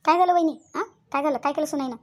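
A woman's voice: high-pitched, very fast, lightly acted. A woman with a Vidarbha Marathi accent voicing a gossipy, meddling aunt in a cartoon, prying and egging others on. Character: meddling gossipy aunt who stirs up trouble. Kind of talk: cartoon voice acting.

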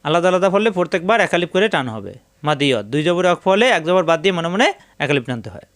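A man with a Bangladeshi Bengali accent gives a methodical Quran spelling lesson, breaking words into syllables and drawing each one out in a slow chant. His voice sits a little high and sounds clear and resonant. The recording is dry and close, with no room sound. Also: big pitch swings, a bit bright, dry recording. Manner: slow drawn-out chanting of Arabic words between plain explanations. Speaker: Quran reading teacher. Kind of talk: step-by-step spelling and pronunciation lesson.

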